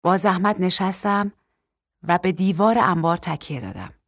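Low husky woman reading a novel. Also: lively intonation, dry recording, clean studio sound. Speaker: audiobook narrator. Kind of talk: scripted first-person novel narration.

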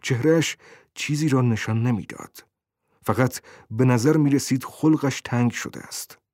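A man narrating a novel in a steady, measured way as an audiobook reader. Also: medium pitch, no room sound, studio quality. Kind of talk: scripted narration.

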